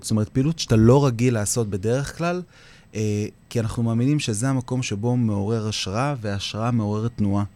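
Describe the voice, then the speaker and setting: In a reflective interview, a man with an Israeli accent who founded a community singing project talks earnestly and repeats phrases to stress them. He speaks in a lowish, slightly mellow voice.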